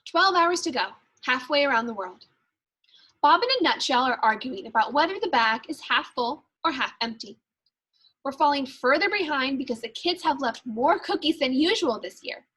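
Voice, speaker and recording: A woman reads the part of an eager, fretful little Christmas elf from a children's storybook, her voice high and bright. She is animated and moves at a moderate pace, chipper and confiding but with the urgency of a punctual worrier. The mood is worried and hurried.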